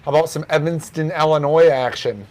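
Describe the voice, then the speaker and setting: A man hosting a record store's morning show, casually talking through records and their prices in an offhand, relaxed way. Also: on the high side, brisk.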